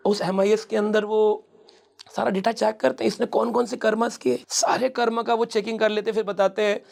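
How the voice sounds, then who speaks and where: A man's voice: high-pitched, level tone, a little fast, gravelly, darkish tone. A middle-aged man, a spiritual speaker, explaining scripture in an interview and acting out quoted speech as he tells stories. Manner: storytelling, mixes English words, acts out quoted speech.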